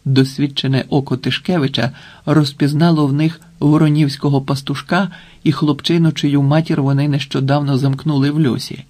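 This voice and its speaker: A man reading a children's adventure novel aloud as a measured, expressive narrator. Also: a little high. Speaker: audiobook narrator. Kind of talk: scripted narration.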